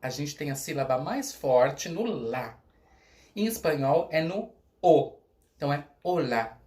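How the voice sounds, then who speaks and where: A middle-aged Brazilian man, a school coordinator, giving a recorded video lesson in a lively teacher's manner, slowing right down to model each word and often checking in with his listeners. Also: on the high side. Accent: Brazilian Portuguese. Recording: echoey room.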